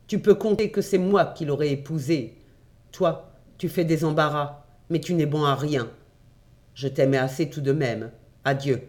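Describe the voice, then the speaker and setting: A man's voice: a little high, moderate pace, darkish tone, natural voice. A man voicing a blunt, mocking boy cousin in an audiobook reading, with a dry, sardonic delivery. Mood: curt.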